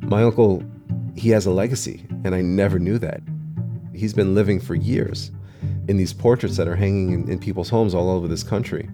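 A man's voice: low voice, steady tone, a little fast, over music. A man telling a personal family story in an earnest, emotional way during an interview.

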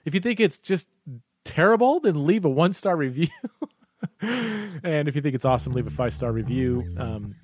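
A man's voice: fairly high pitch, fairly quick, darkish tone. A man hosting a podcast, chatting casually and enthusiastically, rambling with fillers and restarts. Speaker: podcast host. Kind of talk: casual podcast intro and interview.

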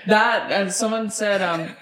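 A woman's voice: mid-range voice, measured pace, fairly bright tone, echoey room. A woman co-hosting a podcast in casual chat, sassy and blunt, swearing freely and repeating phrases for emphasis. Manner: emphatic repetition for effect. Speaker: podcast co-host.

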